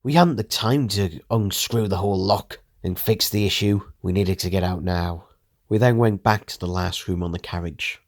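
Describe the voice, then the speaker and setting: A man narrating a first-person audio drama story in a steady, measured way. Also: deep voice, no echo, clean studio sound.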